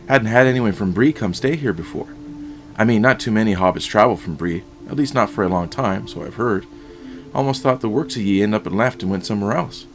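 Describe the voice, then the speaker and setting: A man's voice: lowish voice, gravelly. A man voicing a chatty, proud male hobbit innkeeper with folksy, rustic talk.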